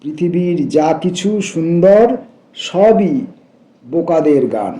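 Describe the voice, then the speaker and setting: A man reciting poems in a measured way, repeating lines and correcting his own misreadings. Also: on the high side, expressive, dark tone. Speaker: poetry reciter. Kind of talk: poetry recitation. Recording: echoey room, dull lo-fi sound.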